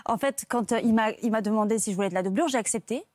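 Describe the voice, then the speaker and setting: A woman's voice: fairly high pitch, rapid-fire, dry recording, studio quality. A woman from France, an actress and stand-in, telling her stories as a talk show guest with many fillers. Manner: lively storytelling with many fillers.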